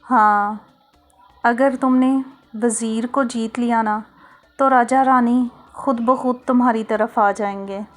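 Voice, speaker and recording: A woman reading as a calm fatherly man. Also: a little high, slow pace. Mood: gentle. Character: gentle fatherly middle-aged man advising his daughter. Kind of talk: storybook reading. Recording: soft music underneath.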